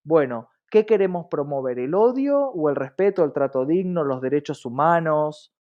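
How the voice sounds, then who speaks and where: On dull, muffled lo-fi audio, a man with an Argentine Spanish accent speaks as an interview guest and diversity advocate. His voice is on the high side and expressive, at a moderate pace, and he explains articulately and emphatically with frequent rhetorical checks.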